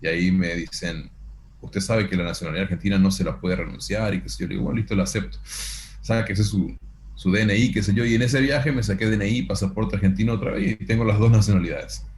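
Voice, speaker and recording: A man in his forties, a guest actor and pastor, sharing his testimony in a measured, earnest way over a video call. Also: on the low side, darkish tone, a little hiss or hum. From Paraguay. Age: 40s. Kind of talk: testimony in an interview.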